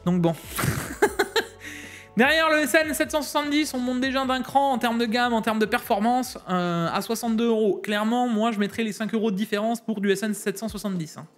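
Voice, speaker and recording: Brief: high-voiced man from Alsace, chatty tech-deals host, faint music underneath. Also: fairly bright tone. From Alsace, France. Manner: fast, chatty, slangy, laughs often. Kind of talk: casual deal rundown.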